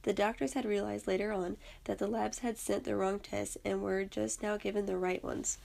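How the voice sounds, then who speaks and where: Brief: young woman narrator, earnest read-aloud, creaky. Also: medium pitch, little pitch movement, normal speed, a little mellow. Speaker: student narrator. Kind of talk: personal story read aloud.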